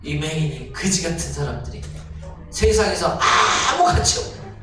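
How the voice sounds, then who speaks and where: A male pastor preaching a sermon, asking the congregation questions and rising to near-shouts. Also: fairly high pitch, huge pitch swings, normal speed, over music. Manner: talks straight to the congregation with questions. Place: church sanctuary. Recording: echoey church hall, distant mic, noisy.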